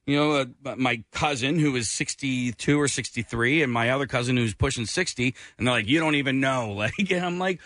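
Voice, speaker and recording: A man's voice: medium pitch, a little fast, hardly any pauses, fairly bright tone, dry recording. Forties male co-host, rambling and self-deprecating, dry close mic, radio chat. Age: 40s. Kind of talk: casual chat.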